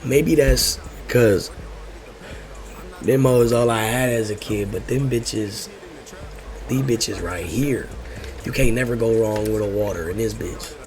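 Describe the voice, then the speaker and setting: Slow, with long pauses, a lowish and darkish voice carries this young American man's casual personal stories. He hosts in a laid-back stoner style full of slang and profanity, rambling along, repeating phrases, and losing the thread.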